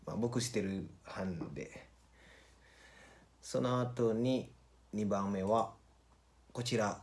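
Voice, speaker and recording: Low-voiced man, casual vlogger. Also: a little mellow. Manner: informal, halting, repeats phrases and address tags. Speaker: vlogger and cook. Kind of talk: casual vlogger presentation, switching between two languages.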